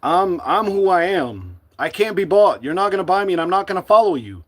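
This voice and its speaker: A middle-aged man from the United States speaking to his livestream viewers in a forceful, defiant, preachy monologue. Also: sits high, sing-song, a little fast. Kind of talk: impassioned live-stream monologue.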